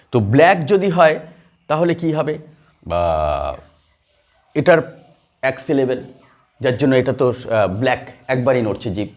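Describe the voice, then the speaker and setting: A man's voice: mid-range voice, a little mellow. A man teaching English grammar in a classroom, explaining step by step with many fillers and questions to the students. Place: classroom with a board.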